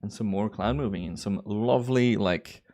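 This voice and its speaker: Fairly low in pitch and darkish in tone, a man in his thirties from Belgium gives laid-back commentary as host of a timelapse livestream. He's chatty and stretches out his upbeat exclamations, with a Belgian accent colored by American and Australian English.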